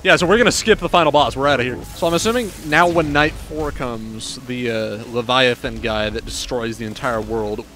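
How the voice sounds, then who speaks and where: A man hosting a casual game session with friends, excitable and quick with jokes, laughing often over a voice call. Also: mid-range voice, soft background music. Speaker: gaming channel host. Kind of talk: casual gaming chat with friends.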